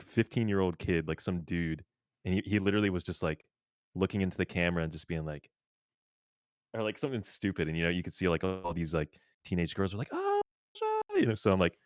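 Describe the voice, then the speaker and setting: A man's voice: sits low, fast talker, no room sound, studio quality. A young man streaming casually with a friend, rambling with lots of fillers and frequent laughs. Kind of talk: casual chat.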